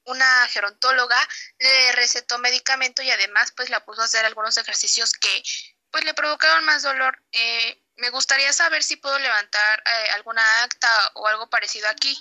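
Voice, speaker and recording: Woman playing concerned Mexican daughter, high forceful voice, polite and earnest amateur role-play. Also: brisk, low-quality recording. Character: dutiful, concerned adult daughter.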